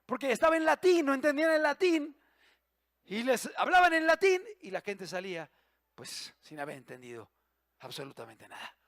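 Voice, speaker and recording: A male pastor, preaching an impassioned sermon that swings from loud emphasis to hushed low asides. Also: sing-song, moderate pace, dry recording, studio quality.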